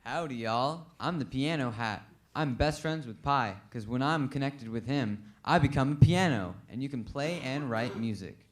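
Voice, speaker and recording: A man's voice: mid-range voice, expressive, moderate pace, hardly any pauses, natural voice. A young man playing a boastful talking piano hat in a student stage skit, with a drawling greeting.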